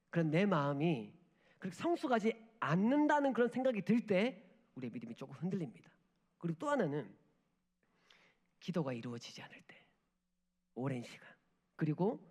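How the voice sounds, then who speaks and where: A man in his thirties, a missionary preaching a sermon in a church sanctuary, moving between forceful urging and hushed, near-whispered moments. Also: high-pitched. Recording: long hall reverb.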